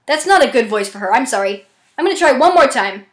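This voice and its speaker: A young adult woman with a high, expressive voice talks quickly and casually, rambling and poking fun at herself as she describes auditioning as an amateur voice actor. It sounds like chatty vlog narration, recorded in an echoey room.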